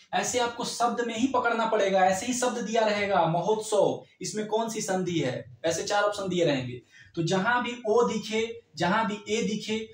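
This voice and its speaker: A man's voice: sits high, recorded from a distance. A man teaching an exam-prep grammar lesson, explaining step by step and checking in with the class often. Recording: echoey room, voice off-mic.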